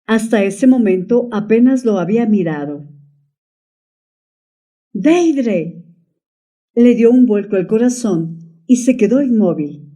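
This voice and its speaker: Dark-voiced woman narrating an audiobook. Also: medium pitch, lively intonation, far from the mic. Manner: measured, dramatic reading.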